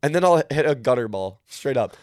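A man's voice: medium pitch, expressive, a little fast, no echo. Joking young man chatting, dry close sound. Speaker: podcast host. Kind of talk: casual chat.

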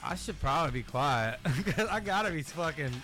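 A man in his forties hosting a casual chat, loud, joking and swearing freely. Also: on the high side, expressive, moderate pace. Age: 40s. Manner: profane, boisterous, jokey. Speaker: podcast host.

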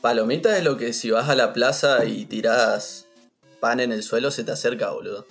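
A man from Argentina with an Argentine accent, chatting casually as a guest and telling relaxed stories. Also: mid-range voice, moderate pace, creaky, faint music behind. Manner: relaxed storytelling, uses boludo and vos. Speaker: podcast guest. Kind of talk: casual chat.

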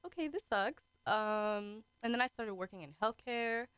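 Her medium-pitched voice sounds a bit bright, clear and resonant, moving at a moderate pace with no echo. She is a talkative, giggly woman in her twenties from the Caribbean, brought up in Trinidad and the British Virgin Islands. As a radio guest she chats casually and acts out her comments.

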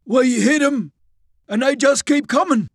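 A male narrator voicing a frightened, dutiful British army sergeant who speaks in halting, clipped bursts. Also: very high-pitched, no room sound, clean studio sound, voice pushed up, exaggerated voice. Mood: shaken.

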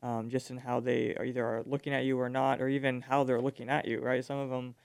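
A man's voice: mid-range voice, little pitch movement, fast, gravelly, darkish tone, clear, resonant tone, dry recording, clean studio sound. A young man guest answering interview questions in an easygoing way, with many ums and likes. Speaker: ministry guest, reservist.

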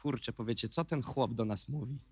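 A Polish man preaching a sermon in an emphatic, sarcastic way that builds to shouts. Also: mid-range voice, a little fast, husky, no room sound.

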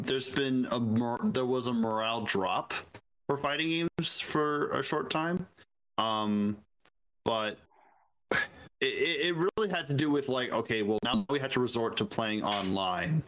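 A man's voice: mid-range voice, unhurried, a bit bright, poor audio. Rambling man explaining casually. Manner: rambling, restarts, self-correcting as he explains. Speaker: podcast co-host.

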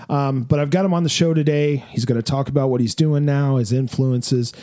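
A man's voice: medium pitch, dark tone. A man in his forties hosting a podcast, asking questions in a joking, rambling way with lots of fillers. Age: 40s. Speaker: podcast host. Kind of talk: casual interview chat. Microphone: studio mic.

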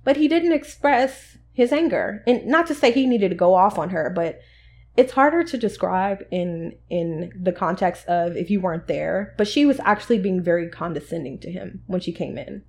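A woman's voice: lowish voice, moderate pace. Chatty woman host telling stories. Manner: conversational, animated, acts out quoted dialogue. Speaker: podcast host. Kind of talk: casual storytelling monologue.

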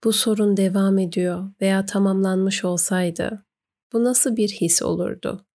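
Even-toned woman guiding a meditation. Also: medium pitch. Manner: gentle, unhurried instruction with pauses. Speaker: meditation guide. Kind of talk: guided meditation narration.

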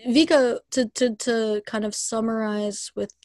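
A woman's voice: a little high, steady tone, a little slow, darkish tone. A woman hosting a casual podcast, reflective and guiding the talk with questions. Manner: reflective, steers the conversation with questions. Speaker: podcast host. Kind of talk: casual chat.

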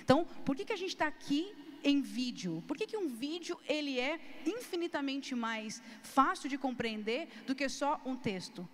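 A woman teaching a video lesson. Her voice sits fairly high, and she talks casually and emphatically to the viewer. A long reverb trails behind her words, as in a hall. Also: normal speed, hardly any pauses. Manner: lively, emphatic, changes tone and pace often to demonstrate; casual Brazilian slang, addresses viewers directly. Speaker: youth ministry teacher. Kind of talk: recorded video lesson with slides.

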